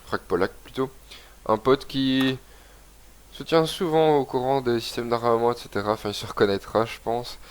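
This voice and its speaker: A young man with a cold, sounding congested, speaks at normal speed in a clear, resonant, mid-range voice. As a gaming video host, he rambles casually through let's-play commentary, reading the game's text aloud as he plays.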